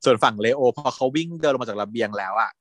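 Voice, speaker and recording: A man casually recapping a TV drama as a podcast host, animated, laughing often and acting out lines. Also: mid-range voice, rapid-fire, no echo.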